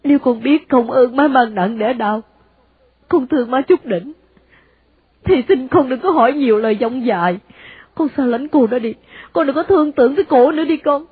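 A woman with a Southern Vietnamese accent voicing an anguished, devout older mother who implores her son, in a husky voice. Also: sits high, moderate pace, dry recording, phone-quality sound, voice pushed up. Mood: pleading. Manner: imploring, sighing exclamations.

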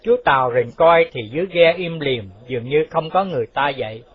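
A man reading a novel aloud in a steady, even storytelling manner. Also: a little high, fairly quick, husky, no room sound. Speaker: narrator. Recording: dull lo-fi dry recording.

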